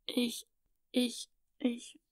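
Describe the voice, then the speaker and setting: A woman's voice: on the high side, steady tone, a little slow, gravelly, a little mellow, no room sound, studio quality. A woman voicing a shy, remorseful little girl who falters and pleads in a raised, childlike voice. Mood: timid.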